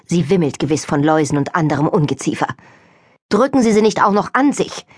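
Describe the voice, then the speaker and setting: A woman's voice: low-pitched, big pitch swings, brisk, slightly rough, no room sound, studio quality, full character voice. A grim grumbling old servant woman, as a woman reads her. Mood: grim, scolding. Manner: grumbling, stern. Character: grim, suspicious older female servant.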